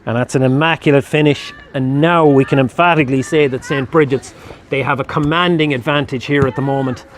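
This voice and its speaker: A man's voice: steady tone, fairly quick, a little hiss or hum. A man with an Irish accent giving live play-by-play commentary at a match, rising sharply when a score comes. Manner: rises sharply in pitch and volume at scoring chances.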